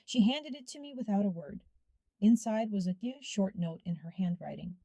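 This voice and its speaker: A woman narrating a first-person story in a measured, hushed storytelling manner. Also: medium pitch, expressive, no echo.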